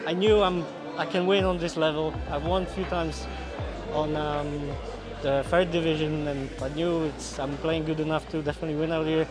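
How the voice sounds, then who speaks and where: Young golfer, higher male voice. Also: little pitch movement, normal speed. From Poland. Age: 20s. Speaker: professional golfer. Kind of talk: post-round interview. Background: music.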